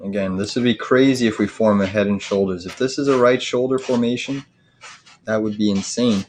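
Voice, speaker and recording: A man's voice: lowish voice, a little fast, darkish tone. A man hosting a live trading stream with casual running market commentary. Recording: faint noise, clicking and scratching behind. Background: cat scratching, clicking.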